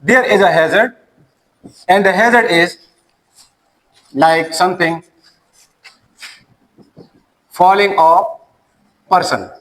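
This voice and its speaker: A man's voice: high voice, slow pace, pauses often, fairly bright tone, poor audio. A man, an Urdu speaker, teaching a classroom lecture and often repeating and restarting his words.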